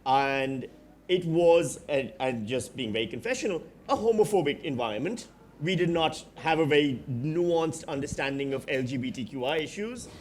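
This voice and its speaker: A man's voice: a little high, animated, moderate pace, a little hiss or hum. A man in his forties from Pakistan, speaking as a panelist at a live festival discussion, reflective and frank with dry asides. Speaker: panelist, writer and comedian. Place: festival stage before an audience.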